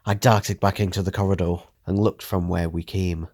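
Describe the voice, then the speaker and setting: A man narrating a first-person audio drama story in a steady, measured way. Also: sits low, dry recording, studio quality.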